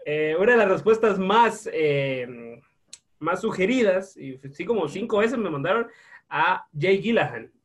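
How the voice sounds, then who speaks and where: Dude rambling on a podcast, pretty high voice, swears a lot, super casual. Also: male voice, animated, unhurried. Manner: rambling, laid-back, swears freely. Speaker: podcast co-host. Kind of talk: casual chat.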